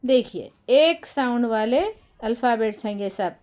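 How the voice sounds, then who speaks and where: High-voiced woman teaching letter sounds really slowly, repeats every sound a bunch of times, talks straight to the viewers. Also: a little mellow. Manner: slow, patient, repeats each sound several times; addresses viewers directly and encourages them. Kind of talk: phonics lesson for beginners.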